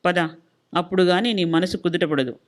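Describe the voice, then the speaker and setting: A woman's voice: lowish voice, normal speed, lightly acted. A woman voicing a stubborn middle-aged husband who lectures and scolds in an insistent, suspicious way. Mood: insistent lecturing.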